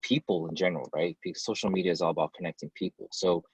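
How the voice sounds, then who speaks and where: A man who grew up in the United States answers interview questions as a company head. His voice is very low, his delivery loose and chatty with fillers. The sound is dry and close. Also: steady tone, very fast, husky, dry recording, poor audio. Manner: conversational, many fillers and restarts. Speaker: company CEO, guest. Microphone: video call.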